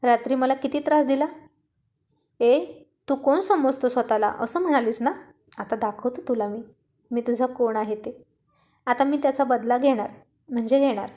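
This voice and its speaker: Teasing young husband in an audio story, slow and sly, mellow tone, read by a woman. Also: on the high side, close to an everyday voice. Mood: scheming.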